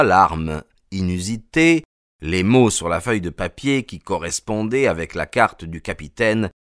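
A man narrating a story in the first person at a measured pace. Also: lowish voice, a bit bright, dry recording, clean studio sound. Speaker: audiobook reader.

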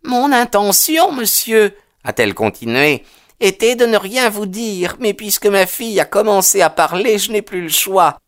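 A reader voicing an anxious, earnest middle-aged widowed landlady who pleads and sighs in a raised pitch. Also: sing-song, moderate pace, close to an everyday voice. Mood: indignant. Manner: high, earnest and agitated, sighing.

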